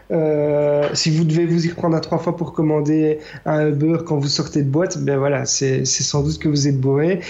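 Mellow man explaining, lo-fi sound. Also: on the high side. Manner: measured explaining, some hesitation. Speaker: podcast guest contributor. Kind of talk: explaining a news item. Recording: dull lo-fi sound.

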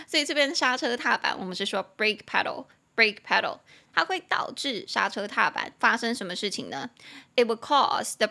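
A woman hosts a casual English lesson podcast, her voice bright and a little high. She spells words out letter by letter and repeats them, with chatty asides in between. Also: gravelly. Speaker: English teacher podcast host.

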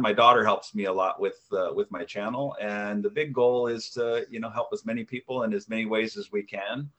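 Speaking as a guest in a conversational interview, a humble, self-deprecating American author and video creator in his fifties fills his answers with fillers and restarts. His mid-range voice has a fairly bright tone.

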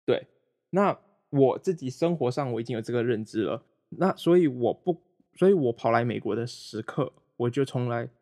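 A man's voice: medium pitch, expressive, moderate pace, darkish tone. A young man from Malaysia chatting casually over a remote call as a guest, rambling with frequent restarts and self-deprecating humor. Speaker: guest, former roommate.

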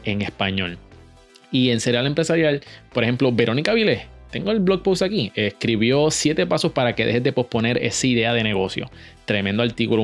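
A man hosting a solo podcast, upbeat and energetic as he talks straight to his listeners. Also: medium pitch. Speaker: podcast host.

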